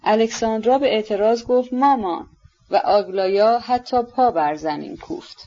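A woman narrating a classic novel as an audiobook, in measured, even storytelling, on a dull lo-fi recording. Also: a little high, a little hiss or hum.

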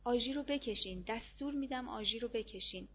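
A woman voicing a drunk, brawny male officer who keeps shouting frantic orders. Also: on the high side, muffled recording, close to an everyday voice.

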